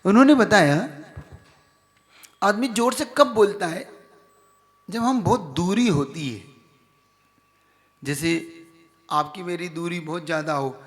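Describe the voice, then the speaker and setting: A man, a monk, giving a conversational sermon and putting questions to his audience. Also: high voice. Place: large hall with an audience. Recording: reverberant hall.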